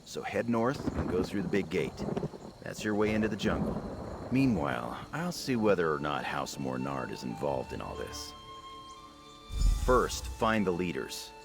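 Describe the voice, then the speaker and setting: Sly rogue spy for a fantasy game: deep, very animated, playful and conspiratorial. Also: male voice, a little slow, creaky, over music, full character voice. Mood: brisk, instructing. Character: sly, cheeky male thief and spy in disguise. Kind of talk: video game character dialogue.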